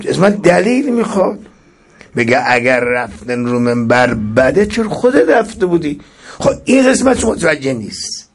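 A man delivering a religious sermon with a husky voice, reciting verses and swinging between sudden loud rises and soft drops. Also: mid-range voice. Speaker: preacher.

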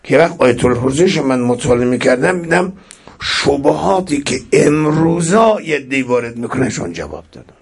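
A man delivering a religious sermon with a husky voice, reciting verses and swinging between sudden loud rises and soft drops. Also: mid-range voice, big pitch swings. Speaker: preacher.

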